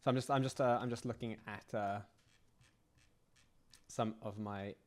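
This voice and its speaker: A slightly hoarse man who is losing his voice, thinking aloud in a halting, self-muttering way as he works through scripts on a live stream. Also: lowish voice, steady tone. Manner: halting, restarting, muttering to himself. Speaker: game modder live streaming.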